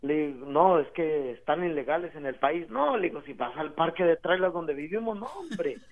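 Mexican guy calling in, slangy chatty story, high-ish voice, thin phone sound. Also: lively intonation, normal speed, a crowd in the background. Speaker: caller. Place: phone call into a radio show. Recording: tinny phone line.

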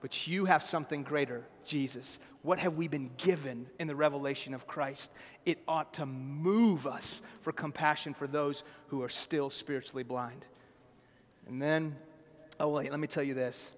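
A man's voice: fairly high pitch, fairly even intonation, normal speed, big-room sound. A man preaching a sermon, emphatic and talking straight to his listeners with frequent asides. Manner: emphatic, addresses listeners directly with repeated asides.

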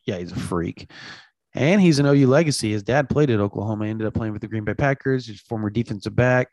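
A man who covers college football recruiting, talking in an animated, rambling way and repeating himself for emphasis. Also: lowish voice, fast, no room sound. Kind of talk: sports talk, casual chat.

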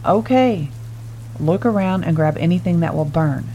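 A woman voicing a take-charge young woman caver who gives steady, commanding orders in a story reading. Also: lowish voice, normal speed, muffled recording, slight background noise, close to an everyday voice.

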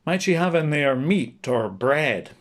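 An eager young servant lad with a lively, hopeful voice, as a narrator puts him on. The voice sits higher than plain narration and is a little brighter in its push. The feel is of a storybook read aloud. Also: male voice, a little slow.

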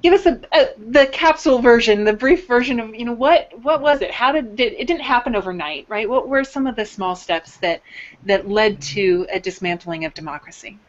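A woman moderating a panel, upbeat and asking halting questions. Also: a little high, animated, dull audio.

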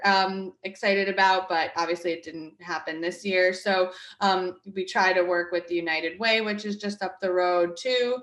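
A woman's voice: mid-range voice, fairly bright tone, reverberant. A woman in her thirties from Connecticut, a guest talking about her market project in a chatty interview, with lots of fillers and restarts. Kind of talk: conversational interview.

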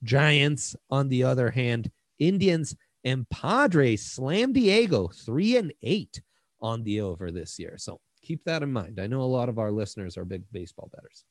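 Male co-host, mid-pitched voice, casual sports betting commentary, dry studio-like sound. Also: very animated, measured pace, no echo.

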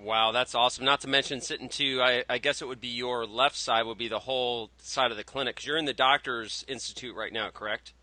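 A man's voice: medium pitch, fairly even intonation, a little fast, few pauses, bright, forceful tone. A man hosting a show in casual interview chat. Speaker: show host.

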